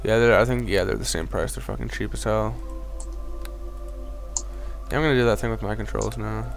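A man's voice: lowish voice, a little fast, creaky. A young man in casual gaming chat as a let's play gamer, talking in an informal, profane way. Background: faint game music.

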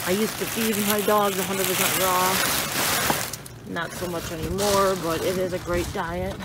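A woman's voice: fairly low pitch, fairly even intonation, moderate pace, heavy background noise. A woman in her thirties chatting casually to viewers while filming on a handheld phone, upbeat and talkative. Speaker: dumpster diving vlogger. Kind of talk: casual vlog narration. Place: outdoors at store dumpsters and at home. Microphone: handheld phone camera.

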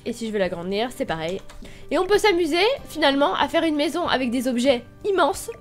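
A woman's voice: high voice, sing-song, fairly quick, faint music behind. A young woman from Brittany walking viewers through a game on screen, chatty and explanatory, spelling things out step by step. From Brittany, France. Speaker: gaming YouTuber. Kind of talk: screen-recorded game tutorial.

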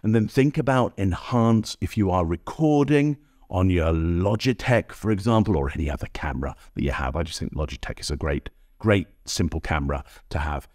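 A man presenting a direct-to-camera tutorial as a body language expert, speaking energetically to the viewer and checking in with a frequent "okay?" on a high-end studio microphone. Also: normal speed, darkish tone, no room sound.

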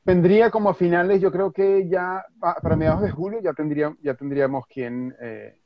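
A man with a Venezuelan accent answers webinar questions in a quick, reassuring stream, dropping in English words. His voice sits a little high and comes through a dry, slightly muffled video-call line. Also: no echo. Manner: reassuring, mixes in English words, restarts often. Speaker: university advisor.

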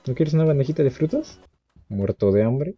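Excitable young man yelping over a game. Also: a little fast, breathy edge. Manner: mutters to himself, breaks into high yelps and laughs. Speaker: gamer. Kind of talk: let's-play commentary. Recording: dull lo-fi sound with game music.

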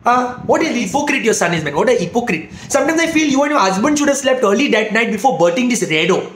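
Shrill middle-aged Bandra aunty, Mumbai Indian English, nagging and outraged, very high, roomy echo. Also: male voice, sing-song, quick pace, a bit bright, heavily acted. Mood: scolding. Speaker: comedian. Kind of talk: comic phone-call monologue.

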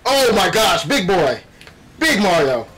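A man giving animated, playful gameplay commentary with exclamations and trash talk, speaking with a retainer in his mouth. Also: sits high, slow, faint music behind. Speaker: gaming video host. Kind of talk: excited live gameplay commentary.

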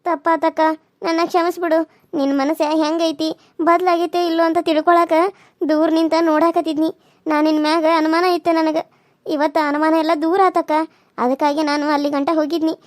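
A woman's voice: very high voice, no room sound, clean studio sound. Woman voicing earnest young village girl. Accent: North Karnataka. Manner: coaxing, apologetic. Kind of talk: cartoon serial voice acting.

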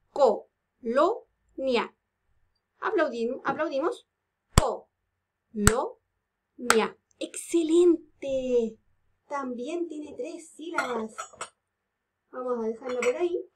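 A woman teaching kindergarteners from home, speaking in a slow sing-song and drawing words out syllable by syllable. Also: high-pitched, animated, noisy background. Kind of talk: remote lesson for young children.

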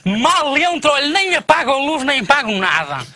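A high, bright-voiced man spins a comic tale in a lively, playful way. His pitch leaps around as he acts out the other characters, full of energy. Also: moderate pace, no echo. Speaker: comedian guest. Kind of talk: comic storytelling in a radio interview.

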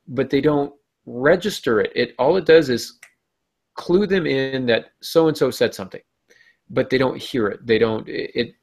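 A man's voice: medium pitch, vocal fry. A man hosting a podcast, explaining writing craft in a casual, wry way. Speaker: podcast host.

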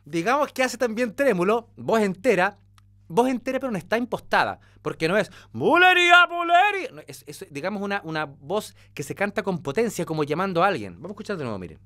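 A man's voice: sits high, sing-song, fast. A man working as a vocal coach, reacting to a singing clip and breaking into sung demonstrations as he explains. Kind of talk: reaction video analysis of singing.

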